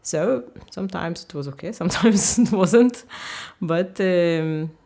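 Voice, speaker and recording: Slow, gravelly woman. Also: fairly low pitch, warm tone. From Ukraine. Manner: halting, searching for English words. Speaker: interviewee, language teacher. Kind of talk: candid personal interview.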